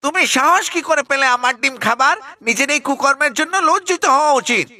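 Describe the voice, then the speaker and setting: A woman voicing a fretful mother crow in an animated kids' story, scolding and high-strung. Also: a little fast. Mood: angry. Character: anxious mother crow, female, small, shrill.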